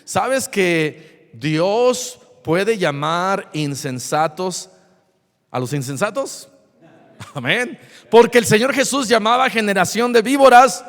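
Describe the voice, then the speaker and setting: Animated high-voiced preacher in echoing hall. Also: male voice. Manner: animated preaching, acts out dialogue. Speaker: pastor. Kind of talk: sermon. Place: church.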